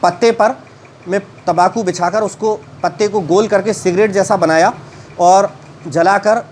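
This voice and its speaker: Slow, high-voiced man explaining a story. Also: steady tone, a little mellow, a little hiss or hum. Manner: slow and halting, with many fillers; reads English lines slowly, then retells them. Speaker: teacher explaining an English story. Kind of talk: reading a story aloud in English and explaining it.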